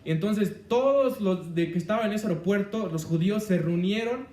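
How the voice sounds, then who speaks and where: A man's voice: sits high, moderate pace, darkish tone, echoey room, distant mic, slight background noise. A man preaching a sermon on the weekly Torah portion, rambling, with many fillers and restarts.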